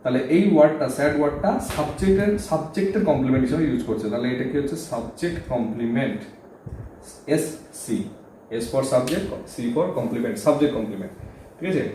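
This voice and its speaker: In a board lesson delivered in Bengali, a man explains English grammar step by step, often checking with students by asking "okay?". His mid-range voice is expressive, fairly quick, and dark in tone. The room is very echoey, with a faint hum in the background.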